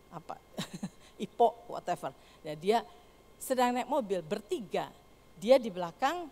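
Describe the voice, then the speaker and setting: An older woman preaching a sermon, telling a story with animated, acted-out voices. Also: medium pitch. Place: church hall. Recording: long hall reverb.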